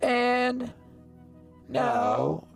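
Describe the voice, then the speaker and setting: High-pitched robot voice filter. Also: male voice, big pitch swings, drawn-out words, gravelly, recorded from a distance, faint music behind, exaggerated voice. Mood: mechanical. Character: a man as a robot with a processed voice. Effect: robot voice changer filter.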